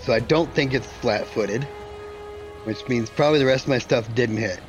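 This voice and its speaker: A man's voice: medium pitch, normal speed, music in the background. A man chatting casually as a player in a tabletop game.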